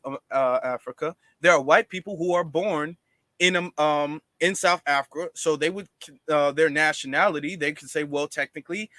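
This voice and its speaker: A man's voice: on the high side, sharp tone, dry recording. A man hosting a casual livestream, explaining at length to viewers with many fillers and restarts. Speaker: livestream host.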